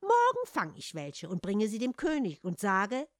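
A woman's voice: medium pitch, huge pitch swings, a little slow, no echo, clean studio sound. A woman voicing a sly, bossy talking tomcat who scolds and schemes, in a read-aloud fairy tale. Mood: scheming, bossy.

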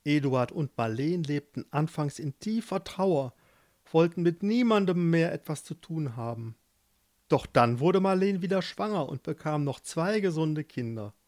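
Slow expressive woman storyteller. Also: low voice. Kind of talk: children's story narration.

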